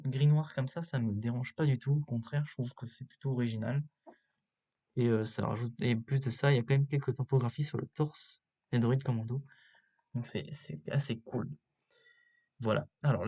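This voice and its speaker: A man giving casual, unscripted video commentary as a host, halting often with filler sounds, recorded on a cheap built-in laptop microphone. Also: medium pitch, dark tone. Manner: hesitant, halting delivery with many filler pauses. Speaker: YouTube host reviewing toy sets.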